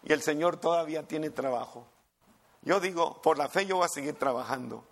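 A man's voice: on the high side, normal speed, gravelly. An older man, a pastor telling stories emphatically in a sermon. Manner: emphatic, storytelling preacher. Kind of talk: sermon storytelling.

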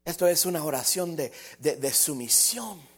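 A man preaching a sermon with fervor, swinging from loud declarations to hushed tones and stretching phrases in a chanting cadence. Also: a little high, lively intonation, moderate pace, husky.

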